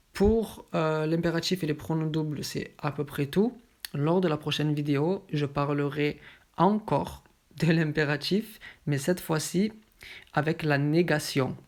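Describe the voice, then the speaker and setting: A French language teacher explains grammar slowly and evenly, in a mid-pitched voice. Each example form is spelled out with care before the rule behind it. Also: a little mellow. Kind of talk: scripted grammar lesson.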